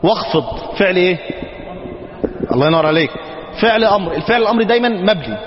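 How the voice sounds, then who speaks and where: A man's voice: high-pitched, animated, fast talker. A man with an Egyptian Arabic accent teaching grammar to a class, checking in with them again and again. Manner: checks often with the class, coaxing. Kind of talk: classroom lesson. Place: mosque teaching hall. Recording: dull sound, long reverb in a hall, faint noise.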